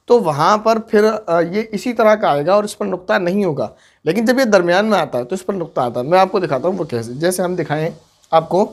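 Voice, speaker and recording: A man teaching an online Urdu script lesson, patiently repeating each word slowly as he writes it out. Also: high voice.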